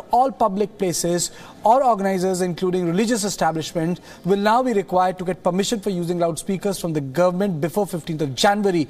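A man in his thirties anchors a studio news bulletin, reading the news in a measured way before questioning a colleague with some hesitant fillers. His voice is high-pitched with a darkish tone.

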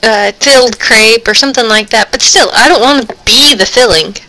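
A woman's voice: fairly high pitch, moderate pace, bright, forceful tone, rough recording. A woman co-hosting a casual gaming stream, chatty and playfully squeamish. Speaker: stream co-host.

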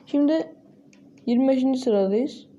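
A woman talks through a mobile game in a casual, chatty way. Her voice sits fairly high, with a soft, mellow tone. She keeps breaking into sudden bursts of excited exclamations. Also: moderate pace, muffled recording. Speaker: gaming channel host.

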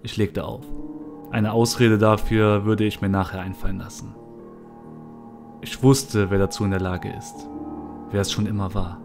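Low-voiced man narrating a horror story. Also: flat delivery, normal speed, pauses often. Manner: somber, low-key. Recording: soft music behind.

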